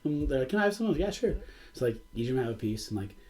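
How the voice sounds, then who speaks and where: A man in a band telling tour stories in a casual, laughing podcast chat. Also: medium pitch. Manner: animated, laughing, quick storytelling. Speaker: band member. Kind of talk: casual storytelling.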